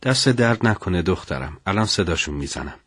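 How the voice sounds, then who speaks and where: Guy doing a soft motherly mom voice, kind teacher type, pitched up, dry. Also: animated, slightly rough, no room sound, full character voice. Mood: gentle. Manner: gentle, motherly. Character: warm middle-aged mother, a teacher.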